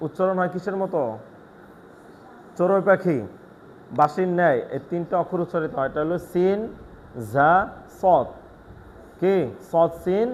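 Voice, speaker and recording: A man giving a one-on-one lesson in Quran recitation, explaining pronunciation quickly and patiently, then reciting slowly. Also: high voice, a little mellow, lo-fi sound, slight background noise.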